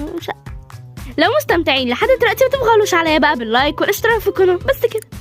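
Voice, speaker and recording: A woman with an Egyptian Arabic accent who narrates a cartoon story casually, adding joking asides to viewers. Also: high-pitched. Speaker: channel narrator.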